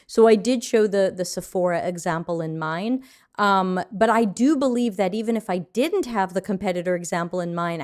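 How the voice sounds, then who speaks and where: Teaching design in a live online session, this woman from the United States keeps things chatty and conversational, answering questions from viewers along the way. Her voice is mid-range with a darkish tone.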